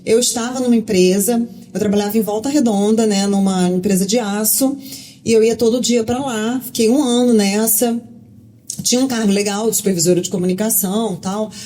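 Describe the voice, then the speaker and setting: Guest journalist, woman, mid-pitched, mellow tone, talkative storytelling. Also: fairly even intonation, brisk. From Rio de Janeiro, Brazil. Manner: talkative, lots of fillers and restarts. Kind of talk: casual interview chat.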